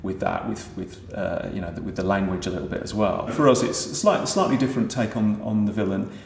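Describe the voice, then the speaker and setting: A pantomime writer and director answers interview questions about pantomime in a fairly low, gravelly voice, speaking briskly. He is hesitant and restarts often. The room is echoey, with faint noise.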